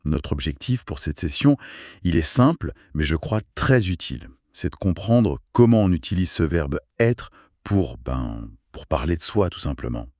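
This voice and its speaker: A man teaching a beginner French lesson, speaking slowly and deliberately and repeating key phrases so they are easy to follow. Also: rumbling low, big pitch swings, darkish tone, no room sound, clean studio sound. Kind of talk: slow articulated beginner lesson.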